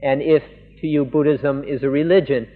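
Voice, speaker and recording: A man, a monk, interpreting a Buddhist sermon live, speaking earnestly in halting phrases. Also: a little high, steady tone. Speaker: monk interpreter of a Dhamma talk. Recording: lo-fi 1980s tape in a reverberant hall.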